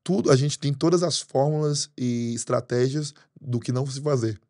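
A man in his thirties from Brazil, a pastor telling stories in a podcast interview, quick and animated, at a desk microphone in a studio. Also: medium pitch, no room sound. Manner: fast storytelling, animated hand gestures. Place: studio with green curtains. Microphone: desk mic on arm.

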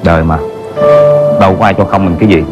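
An actor playing an exhausted, overworked singer husband who complains in a stage comedy sketch. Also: male voice, low voice, steady tone, fast talker, loud music behind the voice, lightly acted. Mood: solemn. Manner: whiny, complaining. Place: television studio stage.

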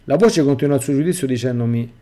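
Man, middle-aged priest, sermon, mellow dark tone, reads then exhorts listeners. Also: mid-range voice, fast. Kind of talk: sermon reading and commenting on a testimony.

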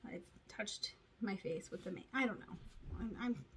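A woman's voice: mid-range voice, normal speed, fairly bright tone, breathy edge. A woman chatting casually through a makeup tutorial, rambling and poking fun at herself as she goes. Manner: rambling, self-deprecating, talks to herself. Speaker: beauty vlogger.

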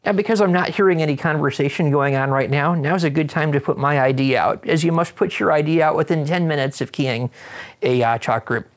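In an indoor studio backed by wood paneling, a middle-aged ham radio operator with an American accent presents an instructional demo with some relaxed radio banter. His pitch sits fairly high and his pace is brisk, though his delivery stays methodical.

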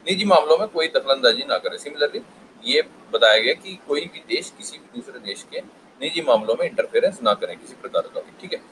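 A man's voice: mid-range voice, big pitch swings, a little fast, fairly bright tone, a little hiss or hum, poor audio. A man teaching an online class, switching between Hindi and English and explaining with everyday relationship examples. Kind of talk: online lecture.

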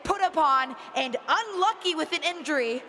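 Very high, bright young woman cutting wrestling promo. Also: lively intonation. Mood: mocking. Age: young adult. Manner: mocking, pointed, deliberate. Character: defiant young wrestler, sarcastic betrayed niece. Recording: reverberant arena PA with ambient noise.

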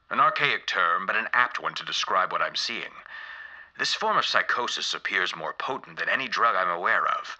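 An actor playing a calculating villain scientist in a video game, formal and clinical, musing with quiet menace. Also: male voice, low-pitched, exaggerated voice, rough recording. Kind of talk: video game character acting.

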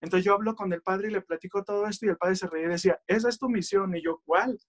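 A man tells his religious testimony in an earnest, heartfelt way. His voice sits high for a man. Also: steady tone, rapid-fire. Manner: earnest, addresses listeners as brothers. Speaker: speaker giving testimony.

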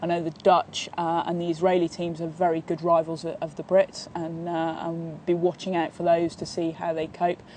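Flat-toned woman in an outdoor interview. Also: fairly low pitch, moderate pace, hardly any pauses, a little hiss or hum. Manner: steady, even delivery with many fillers and restarts. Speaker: sailing coach and training partner. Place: outdoors in a sunny park by bushes.

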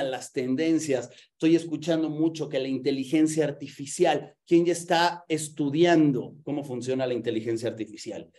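Guy running a live business masterclass, kinda high mellow voice, pumped up, keeps asking the chat stuff and doing sound effects in his stories. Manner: energetic, asks the chat questions, acts out stories with sound effects. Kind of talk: live online masterclass talk.

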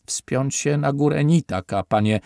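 A man's voice: medium pitch, measured pace, vocal fry, a little mellow, no echo, clean studio sound, pitched above the performer's own voice. A man voicing a nervous young male cadet who speaks hesitantly. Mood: timid. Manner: hesitant, near whisper. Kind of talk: audiobook character voice.

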